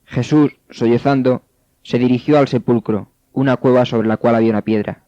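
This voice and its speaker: A man narrating scripture in a steady, measured way. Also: mid-range voice, dry recording. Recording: dull, dry studio sound.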